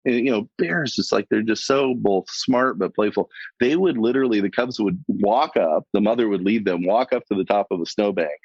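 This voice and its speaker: Lively lower-voiced man telling stories. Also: moderate pace, slightly rough, no room sound. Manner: lively storyteller, laughs as he tells anecdotes. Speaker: guest. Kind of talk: storytelling in a podcast interview. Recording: dull lo-fi sound, dry.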